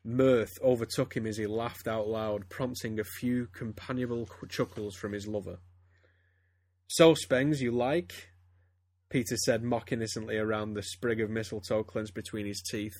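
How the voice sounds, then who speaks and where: A man's voice: on the low side, little pitch movement, moderate pace, hardly any pauses, darkish tone, no room sound. Man, amused casual reading, stumbles over words, dry close sound. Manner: stumbling, breaks into laughter while reading. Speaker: fan fiction reader. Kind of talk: casual comedic reading aloud.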